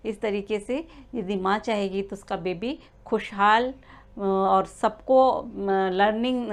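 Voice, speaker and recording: A woman giving a spoken lesson to expecting mothers, explaining step by step with frequent "uh" fillers and small restarts. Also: medium pitch. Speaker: prenatal learning coach.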